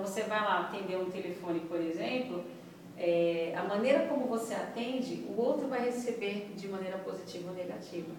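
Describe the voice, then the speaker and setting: A female instructor gives a classroom lecture in a conversational way, often checking in with her listeners. Her voice is on the high side with a darkish tone. She is far from the mic in an echoey room, with a little hiss or hum.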